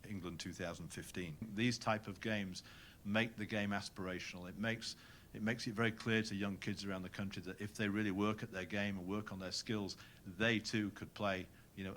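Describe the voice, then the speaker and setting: Low-voiced rugby federation official. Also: male voice, a bit bright, slight background noise. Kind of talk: press event speech.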